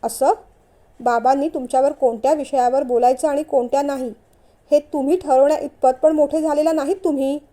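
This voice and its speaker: A woman's voice: high voice, fairly even intonation, a little fast, dark tone, natural voice. A woman voicing a middle-aged mother-in-law, firm and scolding yet caring, in a storybook reading.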